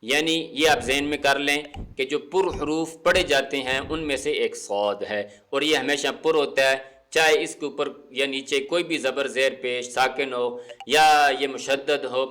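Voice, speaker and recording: A man teaching Quran pronunciation, explaining the rules patiently and words slowly to show how to say them. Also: medium pitch, pushed and bright. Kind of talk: explanatory lesson with slow recitation.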